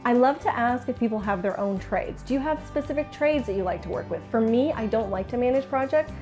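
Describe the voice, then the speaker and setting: This Canadian-accented woman's voice is on the high side and a little mellow, brisk with lively intonation, over faint background music. A business coach for interior designers, she speaks to camera in an informal instructional video, chatty and candid, acting out client remarks.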